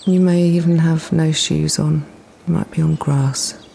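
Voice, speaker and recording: A woman leading a guided meditation in a soft, breathy, often near-whispered voice, soothing and gently instructing with unhurried pauses. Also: low voice, fairly even intonation, a little hiss or hum. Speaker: guided relaxation practitioner.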